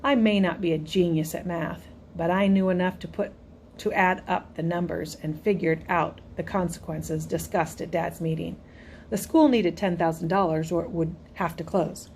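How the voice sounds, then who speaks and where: A woman reads a first-person story aloud in an even, storytelling manner. Her voice sits fairly low, with a faint hiss behind it. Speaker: audiobook narrator. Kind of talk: first-person audiobook narration.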